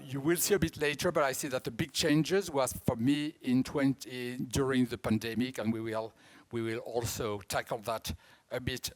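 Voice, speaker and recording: A man in his fifties with a French accent, a native French speaker, giving a conference talk as an auction house director, explaining in a halting way with frequent restarts. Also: mid-range voice. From France. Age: 50s.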